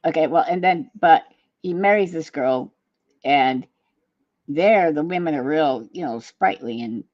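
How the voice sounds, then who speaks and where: A man co-hosting a loose chat, rambling through stories and throwing in jokes. His voice sits at a middle pitch. The sound is dry and a little dull. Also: measured pace, no echo. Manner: rambling, jokey storytelling. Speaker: podcast co-host. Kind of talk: casual banter.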